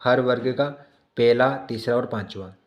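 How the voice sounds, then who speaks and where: Male teacher, mid-pitch, patient repeating style, checks in often; echoey room. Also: a little slow, dull audio. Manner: explains by repeating definitions, checks in with "है ना". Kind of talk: exam prep lesson.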